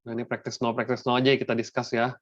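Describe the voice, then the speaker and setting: In a quick, completely flat delivery, a young man with an Indonesian accent leads a maths class using both Indonesian and English. His voice is mid-range, and despite the monotone he keeps the tone casual and conversational, often checking that students are with him. No room sound comes through, and the audio is dull and dry.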